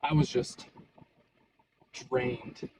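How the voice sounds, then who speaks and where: Casual man vlogging over clear background noise. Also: drawn-out words, darkish tone. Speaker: running vlogger. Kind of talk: casual solo vlog talk to camera.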